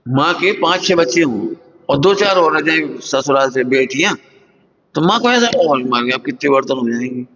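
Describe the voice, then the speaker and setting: This Jain spiritual teacher has a fairly high, bright and forceful voice with lively intonation, speaking at a normal pace. His sermon is plain-spoken, full of questions to the audience and homely examples. The hall recording sounds dull and lo-fi.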